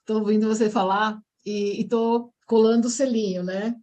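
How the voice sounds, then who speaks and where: Woman host, slightly high voice, reflective chatty delivery. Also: fairly even intonation, moderate pace, warm tone. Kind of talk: casual chat on a video call.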